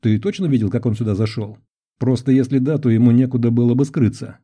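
A cold male agent from an audiobook thriller, flat and contemptuous, giving curt orders, as a narrator plays him. The voice is very dark and low in tone. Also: quick pace, husky, close to an everyday voice. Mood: cold contempt.

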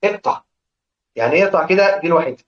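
A man with an Egyptian accent teaching a lesson on Quran recitation. He keeps asking his students questions, answers them himself, and chants quoted verses slowly. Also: a little high, expressive. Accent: Egyptian Arabic. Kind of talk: religious lesson explaining verse. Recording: echoey room, dull lo-fi sound.

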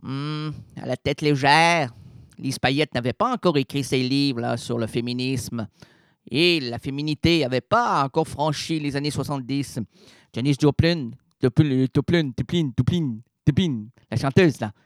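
A man's voice: medium pitch, unhurried, no echo, studio quality. A man hosting a radio show, rambling playfully through a comic retelling full of wordplay and stammered restarts. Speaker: radio host. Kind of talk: absurd comic storytelling on radio.

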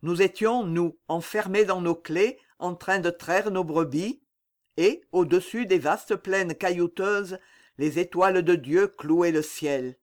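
A woman's voice: fairly low pitch, takes it slowly. A woman voicing an old shepherd who earnestly recounts a ghostly sighting in an audiobook. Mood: awed.

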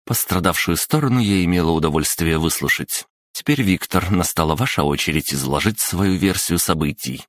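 A man with a very deep voice voicing a stern, formal middle-aged headmistress in an audiobook, speaking firmly in clipped phrases. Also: expressive, normal speed, hardly any pauses, fairly bright tone, no echo, studio quality.

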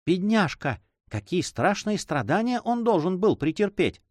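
A man voicing a gentle, anxious noblewoman. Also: fairly high pitch, huge pitch swings, normal speed, no room sound, studio quality, pitched above the performer's own voice. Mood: distressed.

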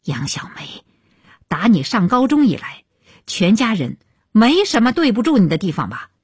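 A woman voicing an angry middle-aged mother who scolds her daughter loudly and shrilly. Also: medium pitch, sing-song, brisk, slightly rough, no echo, clean studio sound, exaggerated voice. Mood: angry scolding.

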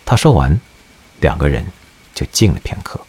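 A man narrating an audio drama in an expressive storytelling manner. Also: rumbling low, moderate pace, husky.

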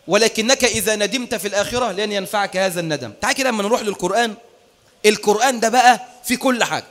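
Egyptian preacher guy, really high bright voice, goes from hushed to shouting, big echoey hall. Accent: Egyptian Arabic. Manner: swings between quiet asides and shouted, drawn-out Quranic recitation. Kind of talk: sermon.

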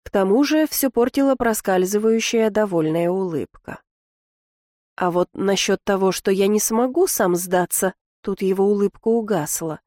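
A woman narrating a first-person fantasy audiobook in an expressive reading voice. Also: mid-range voice, moderate pace, no echo, studio quality.

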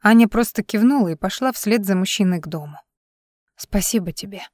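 Female audiobook narrator, steady even read, dry booth sound. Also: mid-range voice, quick pace, no echo. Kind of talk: scripted narration.

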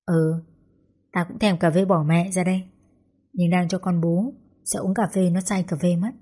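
A woman reading the lines of a loud, blunt young mother who is the narrator's best friend, with a husky, mellow tone. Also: lowish voice, fairly even intonation, normal speed. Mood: casual. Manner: loud, blunt, swears casually. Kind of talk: audiobook character dialogue.

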